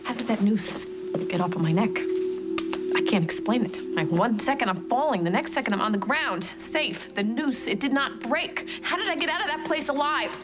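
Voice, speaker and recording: A woman's voice: a little high, animated, moderate pace, over loud music, close to an everyday voice. A woman playing an earnest, shaken young survivor, confiding in a soap opera style. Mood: shaken wonder.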